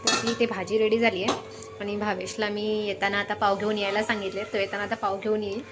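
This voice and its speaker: A woman's voice: medium pitch, level tone, fast talker, loud music behind the voice. A young woman chatting casually to camera in her home kitchen while coaxing her toddler. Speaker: vlogger and mother. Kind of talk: casual home vlog chat.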